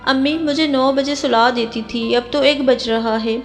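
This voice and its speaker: A woman's voice: high voice, steady tone, big-room sound, faint music behind. A woman reading as a petulant childish young bride. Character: childish naive young bride, stubborn and tearful.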